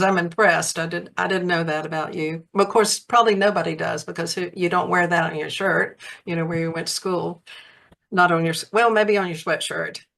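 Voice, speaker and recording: Chatty Southern woman, interviewer, slightly low voice. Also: gravelly, fairly bright tone. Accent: Southern American. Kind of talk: casual interview.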